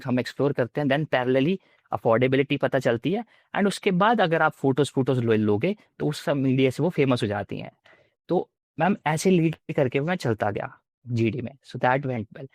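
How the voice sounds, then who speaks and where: Young man, Indian accent, lively storyteller, mid pitch, dry close sound. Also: no room sound. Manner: mixes Hindi and English, acts out officers' lines. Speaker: interviewee, defence exam candidate. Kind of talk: casual interview storytelling.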